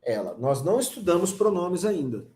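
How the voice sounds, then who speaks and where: A man with a Brazilian Portuguese accent teaching a lively online grammar class, talking straight to his students with teasing asides. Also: sits high, moderate pace, echoey room.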